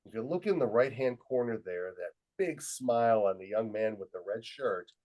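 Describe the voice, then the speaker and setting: A middle-aged man presenting a webinar, telling an anecdote in a lively way and acting out quoted dialogue, speaking into a computer mic on a video call. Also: on the low side, moderate pace, rough recording. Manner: lively storyteller who acts out quoted dialogue. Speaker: webinar presenter and student leadership trainer.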